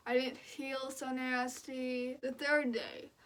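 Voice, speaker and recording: Young woman, high voice, casual vlog chat, blunt, slangy, lots of filler "like". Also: level tone, slow pace, a bit bright. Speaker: vlogger. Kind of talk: casual personal vlog recounting.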